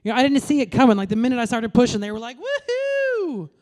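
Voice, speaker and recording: A woman in her late thirties works a comedy club stage, talking into a handheld mic. Her voice sits high, and her delivery is brash and crude. She tosses deadpan asides straight at the crowd. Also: rapid-fire. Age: late 30s. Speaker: stand-up comedian. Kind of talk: stand-up comedy set.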